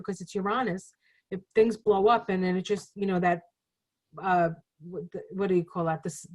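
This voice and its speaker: A woman's voice: medium pitch, poor audio. A woman astrologer talking casually as a guest, rambling and chatty with many fillers. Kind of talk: casual conversation.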